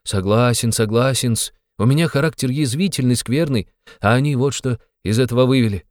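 A man's voice: medium pitch, moderate pace, darkish tone, dry recording, clean studio sound, lightly acted. A man voicing a sly, fussy middle-aged male investigator who talks in a wheedling, fawning way with sly asides.

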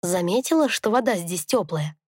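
A woman voicing a wise old she-wolf grandmother who speaks in a knowing, gently teasing way in an audiobook. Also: lowish voice, expressive, moderate pace, dry recording, studio quality. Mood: wry.

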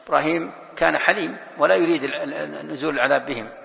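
Gravelly sheikh teaching in an echoey hall. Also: male voice, on the high side, very fast. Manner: reads a passage, then glosses it with rhetorical questions. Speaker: sheikh teaching Quran commentary. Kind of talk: classroom Quran commentary lesson. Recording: echoey hall, dull lo-fi sound.

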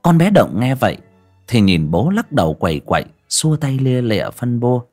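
A man narrating a folk horror story in an expressive, dramatic way. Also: medium pitch, moderate pace, soft background music.

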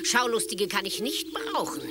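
A woman's voice: on the high side, expressive, normal speed, lightly acted. A woman playing a formidable old witch in a fairy-tale radio play, brusque and grudging with theatrical threats. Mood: brusque, menacing. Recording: clearly noisy ambience behind the voice.

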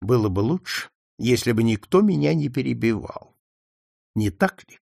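A man voicing a calm, shrewd male detective who questions gently and conciliatorily. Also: a little high, unhurried, creaky, dry recording, clean studio sound, exaggerated voice. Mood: calm probing.

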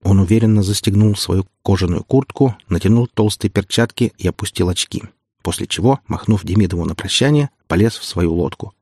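A man narrating an audiobook in a steady storytelling manner. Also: deep voice, a little fast, breathy edge, no echo, clean studio sound. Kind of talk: scripted narration.

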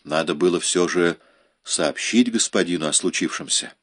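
A man's voice: low-pitched, moderate pace, fairly bright tone, slightly rough. A man voicing a group of frightened male slaves in an audiobook. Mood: fearful.

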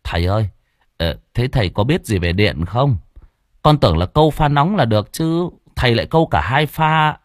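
A man's voice: mid-range voice, expressive, moderate pace, no room sound, studio quality, natural voice. A man voicing a panicky middle-aged male homeowner in an audio story, whimpering and stammering. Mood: questioning.

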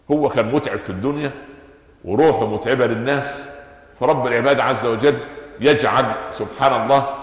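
A man preaching a Friday sermon in an Egyptian accent. He asks rhetorical questions and answers them himself, rising to loud peaks and dropping to soft asides. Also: mid-range voice. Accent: Egyptian Arabic. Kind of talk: Friday sermon, Quran commentary. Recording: echoey hall with long reverb.

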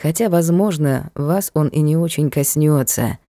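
A woman reading an audiobook voices a patient male butler who explains things quietly. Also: deep voice, a little slow, no echo, clean studio sound. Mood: placating.

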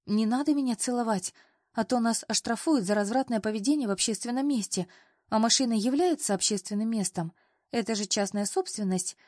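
A woman reading the part of a flustered, clumsy young female assistant in an audiobook, excitable and embarrassed. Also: fairly high pitch, no room sound, studio quality, close to an everyday voice. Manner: excitable, embarrassed, quick to protest.

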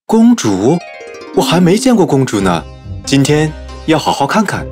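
A man's voice: fairly high pitch, huge pitch swings, normal speed, darkish tone, soft background music. A man playing an eager, impulsive, naive young man in an acted children's audio story. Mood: smitten, excited.

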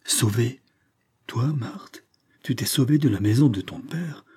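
A man doing a grave, gentle old grandfather. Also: medium pitch, unhurried, husky. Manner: grave, tender.

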